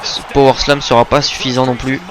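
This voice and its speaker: A man's voice: medium pitch, flat delivery, fairly quick, a crowd in the background, rough recording. A man doing play-by-play wrestling commentary, calling out the moves and exclaiming at the big ones. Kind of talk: play-by-play wrestling commentary of a video game match.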